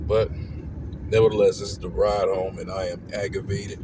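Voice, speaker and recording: Unwell and congested, a family vlogger with a low voice rants heatedly to his viewers on the drive home, speaking at a moderate pace with flat delivery. He repeats himself and keeps asking "you know what I'm saying," with car road noise in the background.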